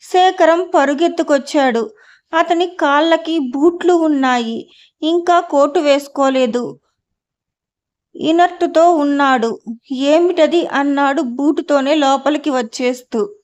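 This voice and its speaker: A woman narrating a novel in a slow, measured reading voice. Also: high-pitched. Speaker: audiobook narrator. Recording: dull lo-fi audio.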